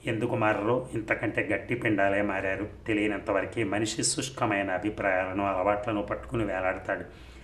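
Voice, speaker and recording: A calm, wise young woman from an audio storybook, as a male reader voices her. She speaks gently and thoughtfully, in a lowish voice. The recording is roomy, with faint noise underneath. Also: normal speed, close to an everyday voice. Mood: reflective. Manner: gentle, philosophical.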